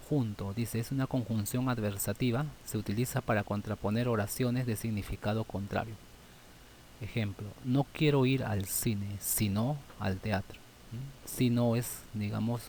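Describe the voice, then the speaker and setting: A man teaching a grammar lesson, thinking aloud and ending phrases with quick checking questions, with many fillers. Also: lowish voice, darkish tone, a little hiss or hum.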